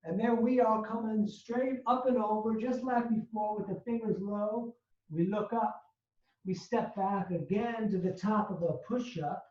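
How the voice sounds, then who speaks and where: A yoga teacher with a mellow, soft-edged voice talks a class through each pose and breath in short, steady cues. The sound is dull and lo-fi, picked up from a distance in an echoey studio room. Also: mid-range voice, unhurried. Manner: steady step-by-step cueing of poses and breath. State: a little out of breath. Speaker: yoga instructor. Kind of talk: live yoga class instruction. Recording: dull, roomy sound from far off.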